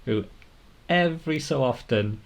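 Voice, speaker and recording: A man's voice: medium pitch, animated, measured pace, vocal fry. A man from near Swansea with a South Welsh accent, chatting casually and joking dryly as a podcast panellist. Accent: South Welsh, Swansea area. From Wales, near Swansea. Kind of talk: casual chat.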